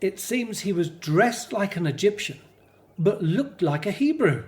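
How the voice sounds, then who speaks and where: In a scripted radio drama, a man voices a hopeful Hebrew slave and family man, speaking earnestly in a high, sing-song, unhurried way. He sounds eager and serious.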